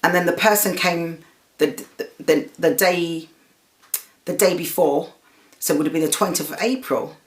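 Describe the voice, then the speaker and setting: A woman hosting her own show, retelling a personal story in an animated, casual monologue and acting out what others said. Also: fairly low pitch. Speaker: show host.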